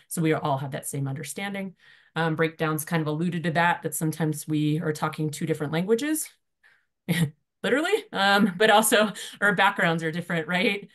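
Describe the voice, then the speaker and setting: Fast-talking low-voiced woman. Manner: fast-talking, informal, many fillers. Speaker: breakout group reporter. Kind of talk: online workshop report-out. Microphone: video call.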